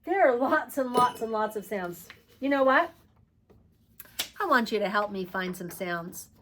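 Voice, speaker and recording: A woman teaching preschoolers, talking slowly in a coaxing, sing-song way as she asks questions and praises answers. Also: fairly high pitch, lively intonation, a bit bright, a little hiss or hum. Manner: slow, sing-song, coaxing talk to small children. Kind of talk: children's lesson.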